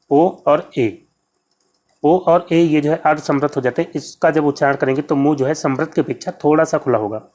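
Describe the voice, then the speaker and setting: A man's voice: on the high side, a little mellow. A man teaching an exam-prep lesson, patiently explaining answers and repeating key terms as he addresses viewers as friends. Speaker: Hindi exam tutor.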